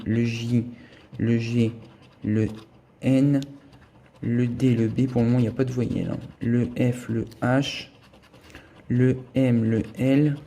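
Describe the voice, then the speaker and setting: This scratch-card vlogger keeps up a relaxed running commentary, musing over each symbol and letter as he scratches his tickets. His voice is medium-pitched and mellow, with a little background noise.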